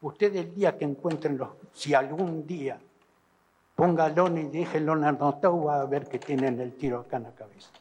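A man with an Argentine Spanish accent giving halting testimony, repeating and restarting as he retells events, in an archive recording. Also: on the high side, darkish tone, slight background noise. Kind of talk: recounting testimony. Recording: archive recording in an echoey hall.

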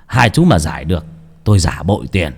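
A man voicing a gruff, newly rich middle-aged man in a ghost story, speaking low and slow. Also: big pitch swings, exaggerated voice.

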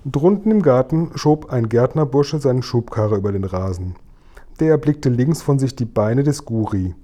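A man reading a children's book aloud in a measured, expressive storytelling manner. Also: mid-range voice.

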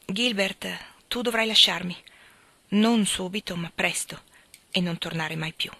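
A woman's voice: mid-range voice, measured pace, sharp tone, no room sound. A woman reading aloud as a composed but torn young woman, firm and earnest. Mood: resolute. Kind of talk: audiobook reading.

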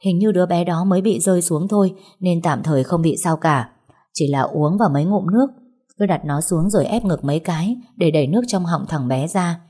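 A woman narrating a first-person audiobook story in a steady storytelling manner. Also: lowish voice, brisk, breathy edge.

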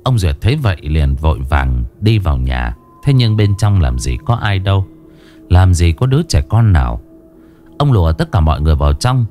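A man with a fairly low voice narrates a ghost story. His pitch rises and falls expressively as he tells it, and faint music plays underneath. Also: big pitch swings, moderate pace, warm tone. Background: faint background music.

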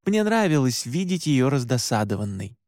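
A man's voice: mid-range voice, sing-song, normal speed, darkish tone, no echo. A man reading a first-person novel aloud in a tense, emotive voice on a close studio mic. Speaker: audiobook reader. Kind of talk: first-person audiobook narration.

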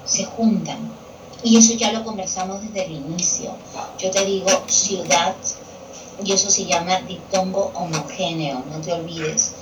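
A woman's voice: on the low side, fairly even intonation, unhurried, far from the mic. Woman teacher explaining grammar from afar. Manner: patient, repeats key terms for students. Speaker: Spanish language teacher. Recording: echoey room picked up from afar with television noise.

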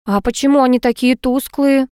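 A woman's voice: high voice, little pitch movement, normal speed, darkish tone, smooth, no room sound, clean studio sound, voice pushed up, lightly acted. A woman voicing a pushy, quarrelsome middle-aged housekeeper who fires off indignant questions in an audiobook. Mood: curious.

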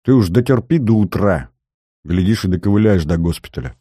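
A man voicing a calm young male lieutenant, level and commanding with a wry edge. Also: low-pitched, brisk, husky, no room sound, clean studio sound.

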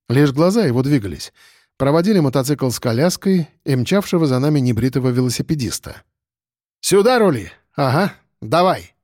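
A man's voice: mid-range voice, dark tone, dry recording, clean studio sound. A man giving wry, slangy first-person audiobook narration.

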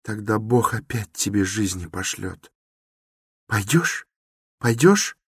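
A man's voice: mid-range voice, slow pace, slightly rough, no echo, studio quality, voice pushed up, full character voice. A man voicing a fervent young woman who pleads urgently in a raised, imploring voice, within a dramatic novel reading.

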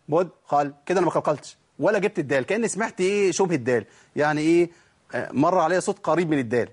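A man with an Egyptian Arabic accent teaching Quran recitation, speaking in a relaxed colloquial way and drawing out letters slowly to demonstrate them. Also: a little high, husky. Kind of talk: tajweed lesson.

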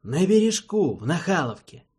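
A man's voice: fairly high pitch, sing-song, moderate pace, darkish tone, breathy edge, voice pushed up, exaggerated voice. A man voicing a brusque, mocking young airship crewman in an audiobook. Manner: curt, mocking. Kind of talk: audiobook character voice.

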